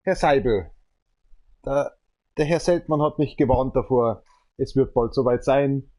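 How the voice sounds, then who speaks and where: A man, a gaming livestreamer chatting loudly and teasingly on a phone call over his stream. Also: medium pitch, measured pace. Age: 30s. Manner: loud, joking and teasing. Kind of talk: casual phone chat during a livestream. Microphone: earbuds in, calling over the stream mic.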